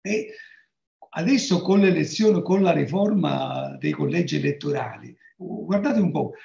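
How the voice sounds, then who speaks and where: A man's voice: fairly high pitch, big pitch swings, a little slow, gravelly, dark tone. A man in his sixties lecturing informally on a video call in an emphatic manner, repeating key phrases. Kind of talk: informal academic lecture discussion. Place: book-lined home study, video call. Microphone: video call microphone. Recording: roomy, dull video-call audio.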